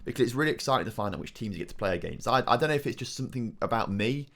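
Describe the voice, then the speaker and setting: A young man hosting a football management game video, chatting excitably and repeating himself. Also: medium pitch, rapid-fire, vocal fry. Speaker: gaming video host. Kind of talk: casual gaming commentary.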